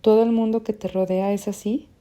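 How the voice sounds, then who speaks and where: A woman's voice: medium pitch, level tone, moderate pace, mellow, lightly acted. A woman voicing a frustrated young man who questions bluntly and insistently, in an audiobook. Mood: accusing.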